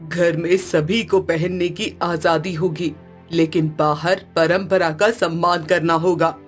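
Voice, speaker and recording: A woman's voice: fairly low pitch, fairly even intonation, slow pace, faint music behind, pitched below the performer's own voice. A woman voicing a strict, bossy middle-aged mother-in-law in a cartoon, stern and scolding.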